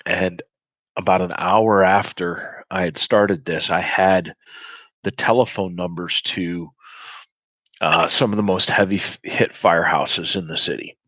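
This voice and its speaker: A man in his forties with a very low voice tells a personal story candidly, blunt and profane yet reflective. The sound is dry and a little dull. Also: steady tone, measured pace, fairly bright tone, no echo. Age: 40s.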